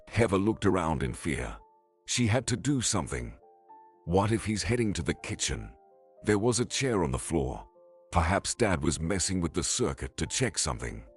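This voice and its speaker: A man reading a suspenseful family story aloud in an expressive, scripted narration. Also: low-pitched, slightly rough. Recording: faint background music.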